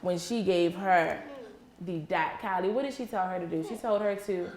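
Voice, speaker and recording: A woman's lowish, slightly mellow voice moves at a moderate pace as she does an interactive read-aloud for little ones in a classroom. Patient and encouraging, this preschool teacher prompts with questions and repeats answers; the room echoes, with faint noise behind.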